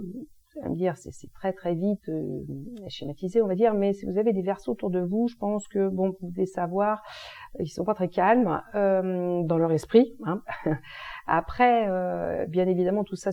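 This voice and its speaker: A woman's voice: on the low side, vocal fry, mellow. Woman rambling casually about moon energies, slangy and chatty, kinda muffled lo-fi sound. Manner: chatty and informal, uses slangy expressions. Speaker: energy healing and astrology presenter. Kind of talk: casual explanatory monologue.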